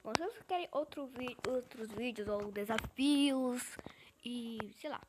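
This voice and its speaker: Excitable high-voiced Brazilian girl gamer. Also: a little slow. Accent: Brazilian Portuguese. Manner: chatty, excitable, reads chat aloud, drops into whispers. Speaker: gaming YouTuber. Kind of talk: casual gameplay commentary. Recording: noisy home recording.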